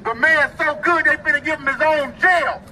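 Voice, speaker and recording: Hype man with a megaphone, very high and sharp voice, outdoor street noise. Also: normal speed. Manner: loud rhyming hype chant. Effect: through a megaphone. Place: outdoors by an armored truck.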